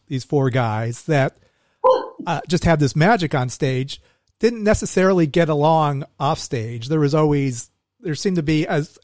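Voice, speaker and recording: Host guy fumbling through long questions, a bit high voice, dry close sound. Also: darkish tone, no room sound. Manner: rambling, hesitant questions, laughs often. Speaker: podcast host. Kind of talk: casual interview.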